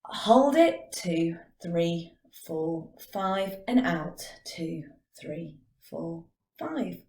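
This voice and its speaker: A woman teaching drama, calmly guiding a class through a breathing and vocal warm-up and counting out each breath. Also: lowish voice, extremely slow. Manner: calm, counting out breathing exercises. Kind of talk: guided vocal warm-up lesson. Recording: echoey room.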